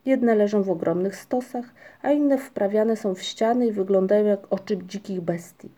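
A woman voicing a calm, unhurried young male troll who tells tales in an audiobook. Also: mid-range voice, lightly acted. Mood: calm storytelling. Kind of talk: audiobook character reading.

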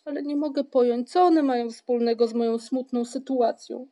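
A woman voicing a fussy, fearful male creature in a storybook, with a high, whining, plaintive voice. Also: very animated, normal speed, a little mellow.

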